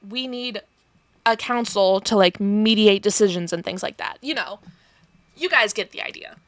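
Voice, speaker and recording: Bright, animated woman recapping a game. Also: mid-range voice. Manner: animated, swears freely, acts out quoted lines; drops into quick whispered asides. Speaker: tabletop game player recapping a campaign. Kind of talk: casual storytelling recap.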